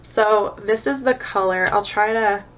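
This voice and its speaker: A woman's voice: mid-range voice, unhurried, a bit bright, slight background noise. A tired young woman from Canada, a beauty vlogger chatting casually through a product haul, rambling with lots of fillers and restarts. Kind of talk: casual haul video chat.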